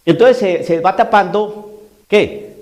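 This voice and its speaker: A male preacher delivers an emphatic sermon with a fairly high voice. He hammers points home through repetition and slips into voices when he quotes. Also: slow.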